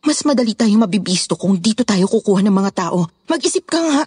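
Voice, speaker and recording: A woman playing a proud, sharp-tongued wealthy matron in a dramatized horror story, speaking in a cutting, sarcastic manner. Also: mid-range voice, expressive, a little fast, husky, no room sound, clean studio sound. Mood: tense. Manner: tearful, then cutting and sarcastic.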